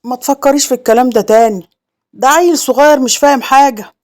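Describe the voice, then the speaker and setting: Woman voicing a soft-spoken Egyptian village husband. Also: sits high, fast, pitched above the performer's own voice, natural voice. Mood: concerned. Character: gentle young village husband, soothing.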